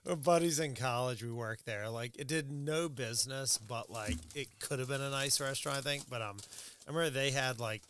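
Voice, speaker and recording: A man's voice: mid-range voice, brisk, a bit bright, a little hiss or hum. A man rambling through a story in a casual podcast chat, full of "like" and "you know". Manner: rambling, filler-heavy storytelling. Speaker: podcast co-host.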